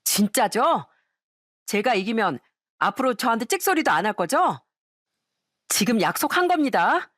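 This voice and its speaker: A woman's voice: fairly high pitch, big pitch swings, normal speed, pauses often, a bit bright, dry recording, clean studio sound. Woman voicing a sneering, snooty sister-in-law. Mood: smug. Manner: mocking, condescending.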